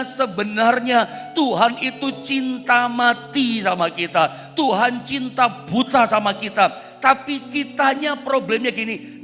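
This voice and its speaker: Guy preaching in a church hall, high voice, long echo, soft music under, gets loud then drops low. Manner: swings between loud emphatic and low quiet phrases; acts out the leper's plea with rising urgency. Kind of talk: sermon.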